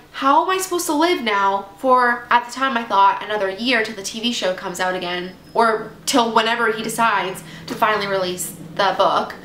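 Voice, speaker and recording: With a mid-range, bright, forceful voice, a book vlogger in her twenties chats casually on camera despite a congested cold, rambling with many asides. She's at home indoors. The recording has echo and faint background noise.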